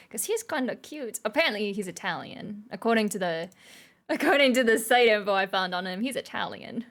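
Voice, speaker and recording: A woman's voice: medium pitch, fairly bright tone. A woman streamer in casual live-stream chat, giggling often and rambling as she answers her viewers.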